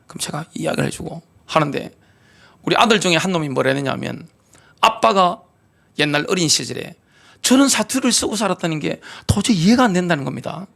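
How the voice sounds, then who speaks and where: Middle-aged male pastor, Gyeongsang accent; high, animated sermon delivery with rhetorical questions. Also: fairly quick, creaky. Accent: Gyeongsang Korean. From Gyeongsang region, South Korea. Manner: emphatic preaching with rhetorical questions.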